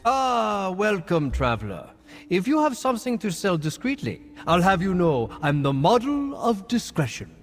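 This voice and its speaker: An actor playing a mysterious, discreet shopkeeper and fence of stolen goods in a video game. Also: male voice, high voice, wildly swooping pitch, normal speed, soft background music. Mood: sly, welcoming. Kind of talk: video game character acting.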